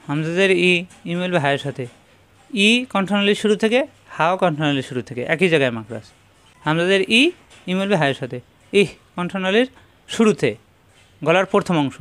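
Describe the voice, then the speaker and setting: A man teaching Quran pronunciation, sounding out each syllable slowly and methodically and now and then chanting a verse. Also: a little high, lively intonation, fairly bright tone. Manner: breaks into slow chanted recitation. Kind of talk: tajweed pronunciation lesson.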